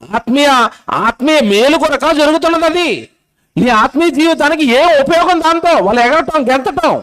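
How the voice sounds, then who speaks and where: High-voiced preacher, scolding questions. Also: male voice, fairly quick, a bit bright. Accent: Telugu. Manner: rhetorical questioning, scolding and insistent. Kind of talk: sermon. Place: convention stage.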